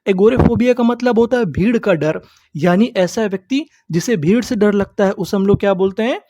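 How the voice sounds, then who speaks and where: A woman teaching English pronunciation, spelling words out letter by letter, asking questions and answering them herself, and drawing key words out slowly. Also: mid-range voice, warm tone, no echo, studio quality.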